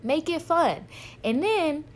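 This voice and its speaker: A woman's voice: high voice, animated, takes it slowly, a little hiss or hum. A woman co-hosting a casual, frank chat. She talks bluntly, laughs often and stretches out words for emphasis. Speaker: podcast co-host.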